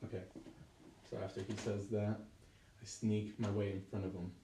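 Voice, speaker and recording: A man's voice: on the low side, flat delivery, normal speed, noisy background. A man playing a tabletop game, talking casually and hesitantly. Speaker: player. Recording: roomy, from far off the mic.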